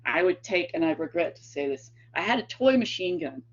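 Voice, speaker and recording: Her voice sits on the low side, fairly quick with lively intonation, carrying an East Tennessee accent from her home region. As a guest lecturer and author, she gives a storytelling lecture of rambling, chatty anecdotes peppered with fillers and laughs, recorded in dull lo-fi.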